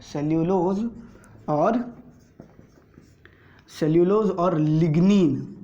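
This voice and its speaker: Indian man, teacher, slow board lesson, patient explaining, checks understanding. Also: a little high, dark tone, lo-fi sound. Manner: explains slowly, drawing as he speaks, keeps checking understanding. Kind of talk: board lesson for school students.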